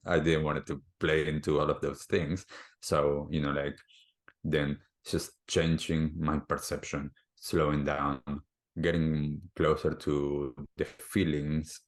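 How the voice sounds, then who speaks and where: A man from Argentina with an extremely low voice, speaking as a wellbeing coach on a podcast. He talks in a thoughtful, unhurried way and leans on "you know, like" as he works through his ideas. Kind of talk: reflective conversational talk.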